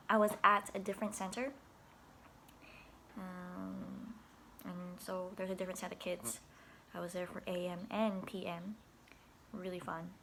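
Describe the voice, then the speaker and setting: A woman's voice: fairly low pitch, creaky, fairly bright tone, slight background noise. A young woman telling a casual video diary about her day at after-school care, chatty and giggly, with many restarts and laughs.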